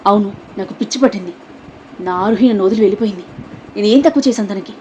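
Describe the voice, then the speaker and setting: A woman's voice: medium pitch, fast talker, mellow, highs cut off, slight background noise, lightly acted. A woman voicing a possessive, hot-tempered young husband in an audio story, speaking in clipped commands. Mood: stern.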